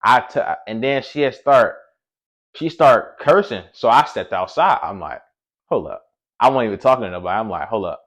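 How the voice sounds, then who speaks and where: A man's voice: medium pitch, lively intonation, normal speed, fairly bright tone. A young man telling a storytime vlog in casual, profane slang, rambling with lots of filler. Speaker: vlogger.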